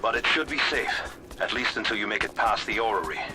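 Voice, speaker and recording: Guy doing old calm leader of a hidden folk, deep-ish and slow, loud hiss behind, kinda distant. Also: natural voice. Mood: solemn. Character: ancient man, calm leader of a hidden people.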